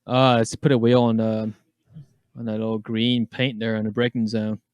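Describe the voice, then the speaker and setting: A man's voice: on the low side, level tone, normal speed, darkish tone, clean tone, no echo, lo-fi sound. A man co-hosting a casual race-watching chat, jokey and calling out what happens on screen. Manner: jokey, calls the action on screen. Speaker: podcast co-host.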